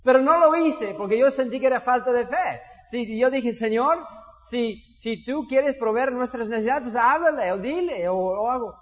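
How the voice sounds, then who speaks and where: A man preaching a sermon as pastor, animated, acting out little dialogues with shifting voices. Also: very high voice, moderate pace. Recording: dull sound in a reverberant hall.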